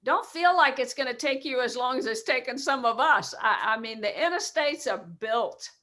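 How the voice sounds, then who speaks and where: A veteran woman coach speaking on a group video call, halting and repeating herself as she speaks from the heart. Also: sits high, sharp tone. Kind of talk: casual sharing on a video call.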